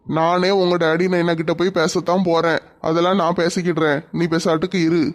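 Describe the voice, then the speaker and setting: A man voicing a calm, reasoning young man engaged to be married in a cartoon. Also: fairly high pitch, brisk, natural voice. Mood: reassuring. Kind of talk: cartoon voice acting.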